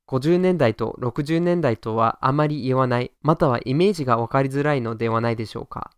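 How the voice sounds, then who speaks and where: A man leads a friendly podcast lesson at a mid pitch, switching between two languages to explain each idea. His voice is smooth and resonant, and the recording sounds close and dry with no room echo. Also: brisk. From United States. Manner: explains in Japanese then repeats in English, friendly and upbeat.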